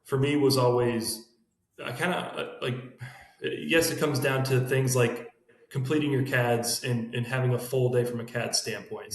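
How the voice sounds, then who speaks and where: A man talking fast in a casual team podcast chat, recorded in an emptied room with an echo. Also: mid-range voice. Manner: talks fast in long run-on thoughts. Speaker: sales team member. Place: room emptied out with bare walls. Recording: echoey bare room.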